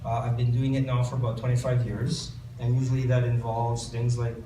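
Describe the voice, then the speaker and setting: Speaking fairly quickly in a level, mid-range voice with a dark tone, this Canadian man is an author at a bookstore event. He reads from his book, then answers questions from the audience, often restarting and using fillers. The sound is distant and roomy, and background noise comes through.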